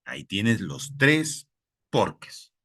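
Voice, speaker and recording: Slow, bright-voiced male teacher, Peruvian Spanish. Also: on the low side, sing-song, breathy edge. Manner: repeats key points, addresses listener as teacher. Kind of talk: recorded lesson for teachers.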